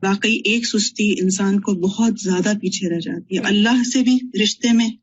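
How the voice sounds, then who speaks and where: A woman's voice: medium pitch, moderate pace, husky. A woman student in a religious class discussion, earnestly recounting points from a lecture. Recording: dull lo-fi recording.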